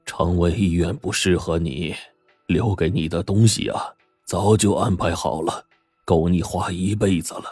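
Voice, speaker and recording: A man voicing a frail old uncle in his sixties who speaks softly and wearily. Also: low voice, steady tone, normal speed, breathy edge, dry recording, soft background music. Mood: weary. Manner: soft, tired, strained.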